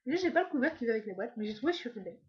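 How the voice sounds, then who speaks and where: A woman's voice: on the high side, sing-song, rapid-fire, dull audio. A woman chatting casually through a makeup haul at home, with many fillers and trailing asides. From France. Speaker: beauty vlogger. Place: at home, indoors.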